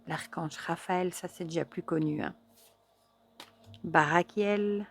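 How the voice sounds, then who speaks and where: A woman casually reviewing an oracle card deck, chatty and admiring, with many fillers and soft, near-whispered asides. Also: fairly low pitch, slow pace. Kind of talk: casual show-and-tell review.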